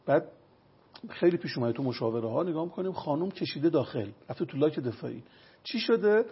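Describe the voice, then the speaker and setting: A man's voice: fairly high pitch, expressive. A man consulting on traditional medicine, lecturing with everyday examples in an interview. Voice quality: gravelly and raspy. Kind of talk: explanatory interview talk. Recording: dull lo-fi recording.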